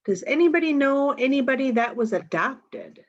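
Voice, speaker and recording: A woman with a high, expressive voice reads picture books aloud to young children at normal speed, speaking to them directly and asking simple questions. She's a storytime reader, and the audio sounds dull.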